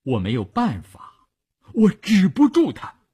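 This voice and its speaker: A man voicing a weary male army doctor who speaks low and hushed. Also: wildly swooping pitch, moderate pace, husky, full character voice. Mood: grim. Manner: low, hushed, half-whispered.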